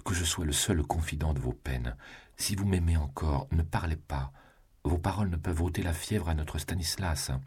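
An ardent young tutor speaks low and earnestly to his beloved in a very deep voice, read by a man. The tone is tender and devoted. The voice is husky throughout. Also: moderate pace, darkish tone, heavily acted.

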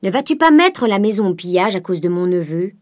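A woman's voice: mid-range voice, big pitch swings, brisk, lightly acted. A woman reading a stingy old miser. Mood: grudging. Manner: terse, grudging. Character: stingy old male miser, curt and controlling.

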